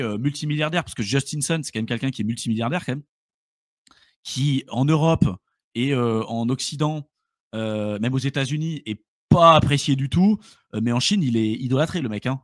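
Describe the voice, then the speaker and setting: A man co-hosting a casual live stream, rambling through stories in slangy speech full of fillers. His voice sits at an ordinary pitch and sounds dry and close, with little room around it. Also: no room sound. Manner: loose, slangy storytelling with many fillers. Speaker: co-host of a crypto live stream. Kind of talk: casual chat.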